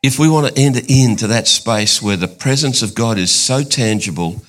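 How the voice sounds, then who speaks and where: An older man preaching a sermon, excitable, climbing to high emphatic bursts and then dropping low and intimate. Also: normal speed.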